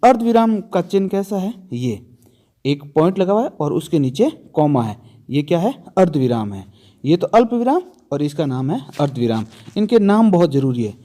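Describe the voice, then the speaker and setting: A man's voice: on the high side, big pitch swings, moderate pace, warm tone. A man teaching a grammar lesson for an exam, asking his students questions and answering them himself, stressing and repeating the key terms.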